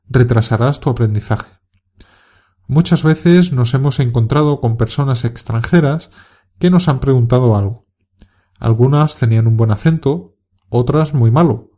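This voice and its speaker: A man from Spain with a Castilian Spanish accent, giving a scripted podcast lesson for learners in a calm, clear and encouraging way. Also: medium pitch. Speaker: Spanish teacher.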